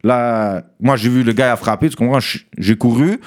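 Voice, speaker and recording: A young man tells a story to friends in a casual, animated way, mixing in English slang and often asking "tu comprends?". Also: medium pitch, normal speed.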